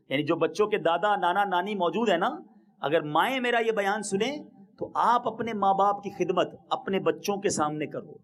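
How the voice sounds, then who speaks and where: High-voiced man preaching emphatically. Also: a bit bright. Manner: emphatic, exhorting, swinging pitch. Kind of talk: sermon.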